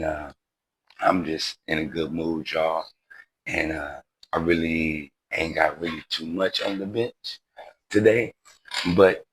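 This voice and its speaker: A man's voice: extremely low pitch, pushed and bright, breathy edge, poor audio. A man in his forties hosting a model car channel, chatting casually to viewers in a laid-back, rambling way, often saying "y'all" and "you know what I mean.". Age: 40s.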